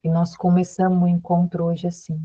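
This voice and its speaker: A woman leading a group discussion, explaining calmly, over a video call. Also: fairly low pitch, fairly quick. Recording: dull lo-fi call audio.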